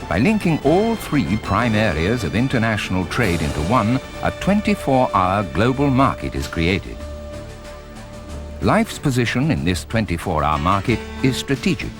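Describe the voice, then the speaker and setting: A man reading scripted corporate documentary narration in a measured, formal way. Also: lowish voice, very animated. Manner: measured, formal presenter delivery. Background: music.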